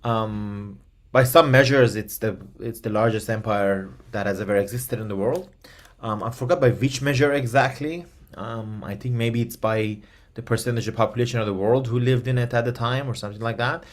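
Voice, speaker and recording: A man from Iran, whose first language is Persian, answers interview questions as a guest expert. His medium-pitched voice keeps a steady tone at a moderate pace, but he is hesitant, with frequent ums and restarts.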